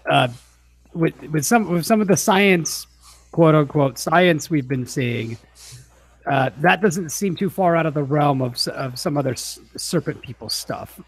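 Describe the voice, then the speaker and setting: A man's voice: fairly high pitch, lively intonation, measured pace. A man chatting casually as a tabletop game player, hesitant and wry.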